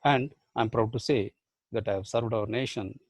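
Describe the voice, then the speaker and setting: A professor and life skills trainer whose first language is Badugu gives a motivational online lecture in Indian-accented English. His voice is lowish and a little mellow at normal speed on a dry recording, and he fills the talk with rhetorical questions and repeated phrases.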